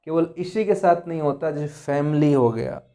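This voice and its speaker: A man teaches a grammar lesson in a fairly high, mellow voice with a soft, dark tone. He works through rules by listing examples one by one and keeps checking in with the class. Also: animated, normal speed. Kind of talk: lecture explaining grammar rules.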